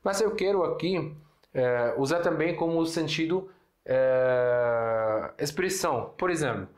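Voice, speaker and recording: A man's voice: a little high, lively intonation, slow pace. A man from Syria giving a casual language lesson. He explains patiently, repeats words and keeps checking in with the listener. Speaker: Arabic teacher. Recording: roomy echo.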